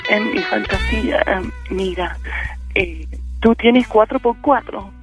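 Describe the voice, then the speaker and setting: A man's voice: high-pitched, slow, music in the background. A caller, a man, voicing a sultry woman who hesitates as she confides. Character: woman inviting a man to lunch.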